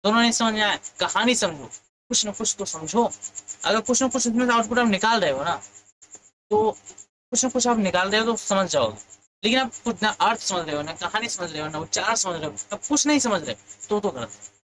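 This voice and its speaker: A man's voice: sits high, lively intonation, fairly quick, fairly bright tone, slight background noise, rough recording. A male physics teacher leading an exam lesson. He keeps asking his students questions and then answers them himself.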